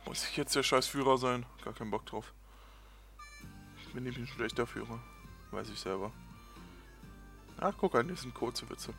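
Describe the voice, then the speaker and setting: A man's voice: medium pitch, moderate pace, vocal fry, pauses often, fairly bright tone, soft background music. A man giving casual let's play commentary, muttering and cursing at the game. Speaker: let's player.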